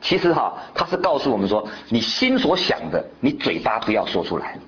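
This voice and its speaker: A male preacher giving a sermon in an animated way, peppering his listeners with rhetorical questions, on a dull lo-fi recording. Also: medium pitch, brisk. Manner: animated, quizzing the congregation with repeated rhetorical questions.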